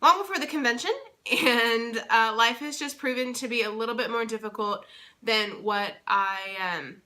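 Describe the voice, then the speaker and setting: A young woman, a vlogger who also works as a convention interpreter, chats through a casual vlog update in a slightly high, pushed, bright voice at a moderate pace. She is congested and still recovering from losing her voice, and she rambles with lots of fillers.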